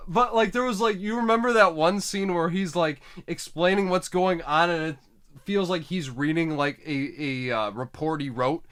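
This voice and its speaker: A man's voice: high voice, normal speed, a bit bright, clear, resonant tone. A young man hosting a casual movie review, talking loosely with slang and laughing often. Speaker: host of a movie review channel.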